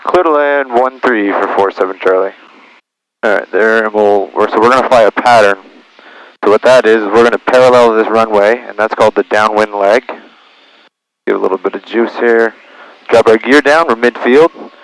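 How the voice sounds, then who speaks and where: A small-plane pilot vlogs his flight, narrating every procedure, working through checklists aloud and making radio calls. Heard over an aviation headset, his voice is on the low side at a moderate pace, and the recording is rough.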